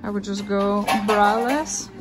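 A woman's voice: mid-range voice, slow, loud music behind the voice. A young woman chatting casually as she films a clothing try-on in a store fitting room, holding her phone at arm's length. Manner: relaxed, chatty, enthusiastic about clothes. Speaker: fashion vlogger. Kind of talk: casual try-on haul narration.

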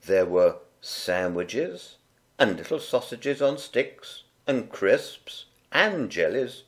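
A man reading a children's picture book aloud in a gentle, unhurried, expressive way. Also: mid-range voice. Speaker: storyteller. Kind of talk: read-aloud children's story.

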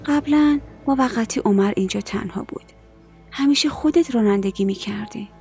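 A woman's voice: on the high side, vocal fry, a little mellow, soft background music. A middle-aged actress dubbing a stern, suspicious mother in a TV drama, commanding and probing. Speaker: dubbing actor. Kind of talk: dubbed TV drama dialogue.

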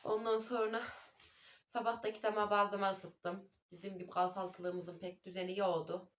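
A woman's voice: medium pitch, flat delivery, moderate pace, slight background noise. Woman, homey vlogger and mother, talkative, friendly address to viewers, phone-camera sound in a house. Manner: chatty, keeps calling viewers dear friends. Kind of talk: casual home vlog chat. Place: at home indoors.

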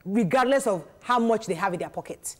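A woman's voice: mid-range voice, fairly quick. A middle-aged woman, hosting a panel discussion in a TV studio and acting out quoted voices as she talks. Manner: animated, gestures while talking, acts out quoted voices. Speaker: talk show host. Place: TV studio set.

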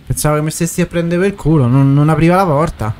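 A man commentating a horror game, swearing and yelling in fright. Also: fairly high pitch, quick pace, a little hiss or hum. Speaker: gameplay streamer. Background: game music.

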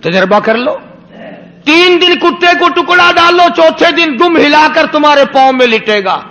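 A man's voice: very high voice, lively intonation, pushed and bright, long reverb tail, heavily acted. A man voicing a loyal dog who reproaches a saint with rhetorical questions. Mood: reproachful. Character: shameless-accused dog, loyal, scolding a saint.

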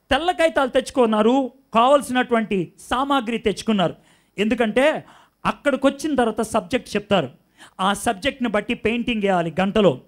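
A man with a Telugu accent preaching a sermon, moving between hushed, intimate lines and shouted, dramatic ones. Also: very high voice.

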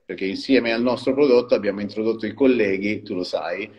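A man's voice: fairly low pitch, fairly quick, in a large hall, dull audio. A man, founder of a small wine company, explaining his business in a chatty live-stream interview and laughing often. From Liguria.

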